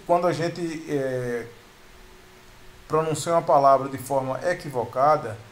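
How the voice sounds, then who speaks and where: A man's voice: mid-range voice, a little hiss or hum. A man giving a video lesson on grammar, explaining patiently, restarting words and often addressing viewers as "pessoal". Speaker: teacher.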